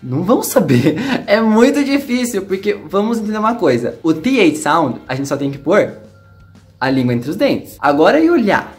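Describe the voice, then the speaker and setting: A man's voice: sits high, big pitch swings, normal speed, faint music behind. A man from Brazil with a São Paulo interior accent, teaching in a casual, chatty video lesson and demonstrating sounds as he explains. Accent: Brazilian Portuguese, São Paulo interior. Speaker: English teacher.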